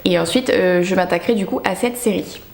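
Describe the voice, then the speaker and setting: A woman's voice: on the low side, a little fast, creaky, a little mellow. A young woman chatting casually about the books she bought, talkative and self-mocking with lots of fillers. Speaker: book vlogger. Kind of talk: casual book haul chat. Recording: echoey room.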